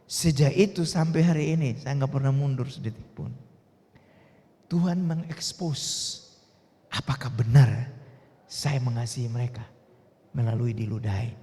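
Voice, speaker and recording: A man preaching a sermon in a church service, telling a story with animated quoted voices and then leading a prayer. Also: mid-range voice, normal speed, pauses often. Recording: long church reverb.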